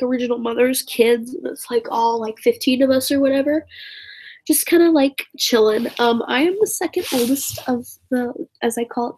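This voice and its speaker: A teenage girl from Indiana chats casually on a live stream, rambling and giggling with many fillers and asides. Her voice sits on the high side and is gravelly and husky, and the recording is rough.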